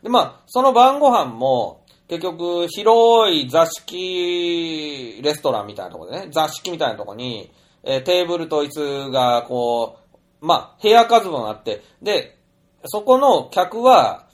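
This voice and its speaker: A man's voice: on the high side, unhurried. A middle-aged man telling an anecdote in a chatty, rambling monologue full of fillers. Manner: chatty storyteller, animated, many fillers. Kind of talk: casual monologue.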